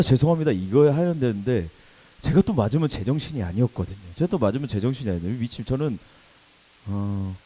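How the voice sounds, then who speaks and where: A young adult youth pastor preaches in a church worship hall, telling a funny personal story within his sermon. His medium-pitched, slightly rough voice is animated as he laughs at himself and acts out shouted quotes, heard on a low-quality recording.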